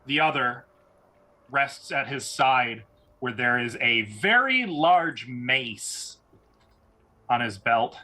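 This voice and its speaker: A man's voice: medium pitch, animated, slow pace, long pauses, pushed and bright. A man narrating a tabletop fantasy game as game master.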